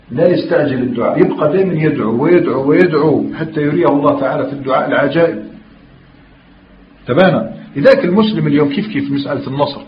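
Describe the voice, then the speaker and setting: A man with an Algerian Arabic accent teaches at a fast pace, pressing his listeners with questions and quoting scripture. The sound is roomy and echoey, with a dull lo-fi tone and faint hiss behind it. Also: fairly high pitch. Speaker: religious teacher. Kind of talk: Islamic lesson in mixed Algerian dialect and classical Arabic. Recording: echoey, dull lo-fi room recording.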